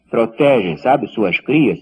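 An actor with a Brazilian accent playing a stern, protective and persuasive brother in a radio soap opera, speaking with theatrical emphasis. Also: male voice, mid-range voice, lively intonation, drawn-out words, darkish tone, breathy edge, exaggerated voice. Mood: reproachful. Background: music.

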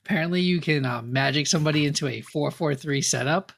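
A man's voice: on the high side, fast talker, creaky. A man co-hosting a casual podcast chat, with dry, wry remarks. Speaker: podcast co-host.

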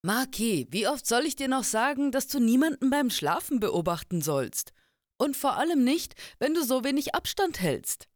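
A woman's voice: high voice, sing-song, moderate pace, no room sound, studio quality, pitched above the performer's own voice. A woman voicing a young mage who scolds while holding back a laugh. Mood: scolding.

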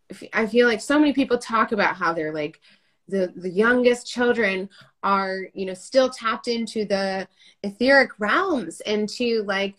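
A woman's voice: a little high, fairly bright tone. A woman hosting an interview, chatty and playful, acting out little quotes, over a video call. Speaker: host. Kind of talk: casual interview chat.

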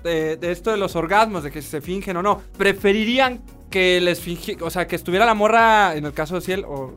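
A man with a northern Mexican accent, co-hosting a podcast in casual chat, talking loud and forceful. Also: high voice, fairly quick, soft background music. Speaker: podcast co-host.

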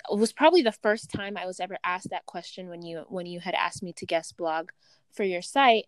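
A woman from Uganda hosting an interview, animated and hesitant with restarts. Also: fairly low pitch, smooth, no echo. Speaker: interviewer, host. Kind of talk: conversational interview.

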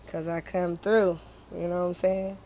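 A woman hosting a casual morning show, talking in a laid-back, soft-spoken and slangy way. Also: on the low side, little pitch movement, moderate pace, a little hiss or hum. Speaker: host. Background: music playing.

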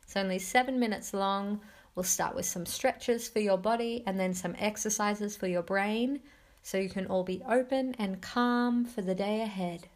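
A woman hosting a mindfulness podcast, giving soothing guided meditation instructions in simple, encouraging phrases. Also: medium pitch. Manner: soothing, unhurried instructions with pauses.

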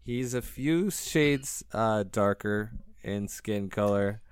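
A man's voice: lowish voice, takes it slowly, clean tone. A young man co-hosting a podcast, chatting casually in a laid-back way with plenty of ums and likes. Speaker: podcast co-host. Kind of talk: casual movie review chat.

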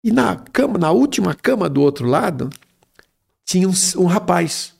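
A man's voice: high voice, sing-song, moderate pace, vocal fry, darkish tone, breathy edge. A middle-aged man telling a personal story in a rambling, casual way, often tagging his sentences with a questioning "right?". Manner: rambling, tags phrases with "né?".

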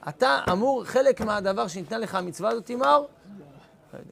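A rabbi leads an informal class for students, speaking in a fairly high, gravelly voice. He is lively and calls students by name as he teaches. He acts out little scenes from daily life to make his point.

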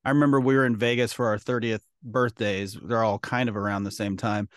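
A middle-aged man co-hosts a podcast in a relaxed, joking way and is quick to make fun of himself. His voice sounds dry and close, with no room echo. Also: fairly low pitch. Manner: joking, self-deprecating, conversational. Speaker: podcast co-host. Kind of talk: casual chat.

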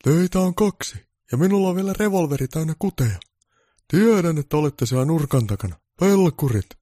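A man's voice: mid-range voice, expressive, dark tone, no room sound, clean studio sound, pitched above the performer's own voice, lightly acted. A man voicing a grumpy old Santa Claus with bellowing, blustery threats, in a comic storybook reading.

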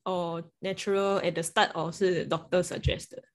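A woman's voice: fairly low pitch, flat delivery, normal speed. Singaporean woman co-hosting in Singlish. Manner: Singlish, mixing English and Mandarin. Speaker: podcast co-host. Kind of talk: casual chat.

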